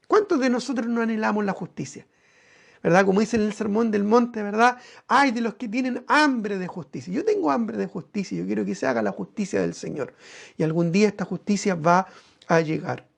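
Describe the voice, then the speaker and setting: A male pastor, preaching a sermon and often checking in with his listeners through quick tag questions. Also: sits high, creaky. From Chile.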